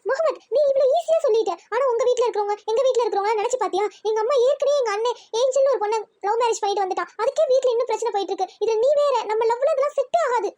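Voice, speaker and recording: A woman's voice: very high-pitched, rapid-fire, few pauses, warm tone. A woman voicing a young female college student in a Tamil cartoon, pleading and anxious.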